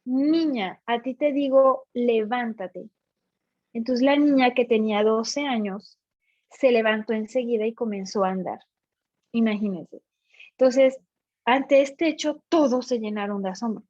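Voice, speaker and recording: Woman with a high voice teaching scripture, chatty, keeps checking if people follow, dull dry sound. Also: moderate pace, darkish tone, no echo. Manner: chatty, asks listeners if they follow. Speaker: Bible teacher. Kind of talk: informal Bible teaching.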